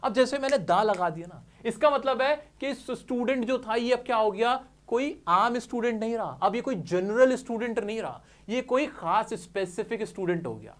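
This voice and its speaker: A man's voice: very high voice, lively intonation, normal speed, few pauses. A man teaching English grammar, explaining step by step, often asking his listeners questions and answering them himself while calling them dear friends.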